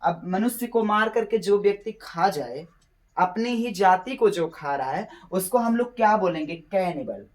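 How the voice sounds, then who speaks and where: A male English teacher walks students through exam vocabulary, mixing Hindi explanation with English terms. He stretches each English phrase out slowly, repeats key words several times, and keeps pausing to ask if everyone is following. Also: high voice, expressive. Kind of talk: classroom lesson to exam students.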